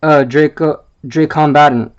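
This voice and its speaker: A man presenting a card game deck, reading the card text aloud in a halting way, stumbling over wordings and filling gaps with "uh". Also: fairly high pitch, steady tone, smooth, lo-fi sound.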